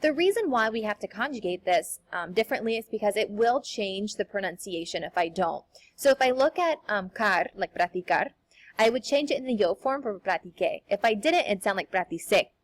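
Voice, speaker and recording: A young adult woman, a teacher, giving a recorded lesson in an upbeat, sing-song manner and slowing down carefully to model each example. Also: mid-range voice, animated. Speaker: Spanish teacher.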